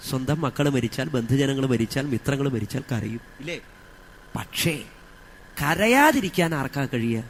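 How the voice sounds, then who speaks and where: A man with a Malayalam accent giving a religious discourse on scripture, chanting verses slowly and asking his listeners rhetorical questions. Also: on the high side, fairly bright tone, slight background noise. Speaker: scripture teacher.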